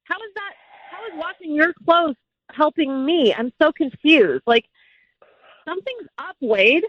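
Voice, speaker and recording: An upset woman presses with accusing questions over a phone call. Her voice is high and very lively. The line is dull and dry. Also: measured pace, no room sound. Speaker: caller's wife. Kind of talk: phone conversation.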